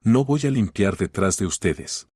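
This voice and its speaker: A man reading the lines of a tired woman who speaks calmly, without shouting, but with a hard edge. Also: fairly low pitch, unhurried, slightly rough, dry recording, clean studio sound. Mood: firm. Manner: calm, level, hard-edged.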